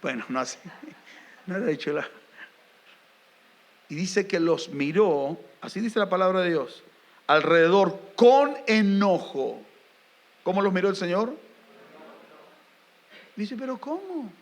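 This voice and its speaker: A man delivers a sermon in a high, bright voice. He preaches with animated emphasis, builds to rising questions and slips in jokes for the congregation. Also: a little slow, long pauses. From Argentina. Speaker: pastor.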